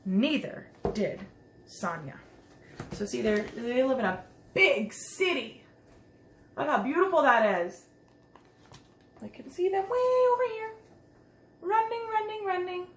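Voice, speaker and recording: A woman with a high voice reads a picture book aloud to young children, expressively, adding chatty asides and simple questions for her listeners. The room echoes and there's some background noise.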